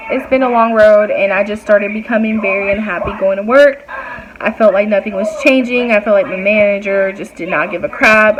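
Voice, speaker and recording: A woman's voice: on the high side, noisy background. A young woman vlogger telling a personal story in a casual, rambling way, full of fillers and acted quotes.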